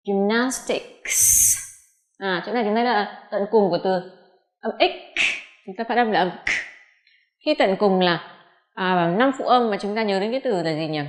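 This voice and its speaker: Woman pronunciation teacher, slow and careful on example words, roomy echo. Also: mid-range voice. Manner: slow, deliberate modelling of English words. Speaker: English teacher. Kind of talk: pronunciation lesson.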